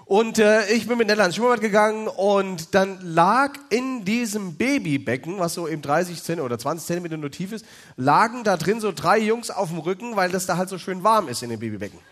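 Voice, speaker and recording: A man's voice: high voice, expressive, brisk, a bit bright. A man in his thirties telling a personal faith story to an evening audience, in a loose, chatty way full of fillers.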